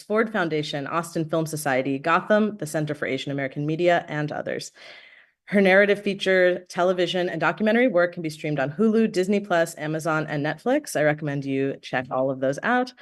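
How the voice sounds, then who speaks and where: A woman's voice: deep voice, brisk. A woman moderating a panel discussion, thanking organizers and introducing panelists with frequent fillers.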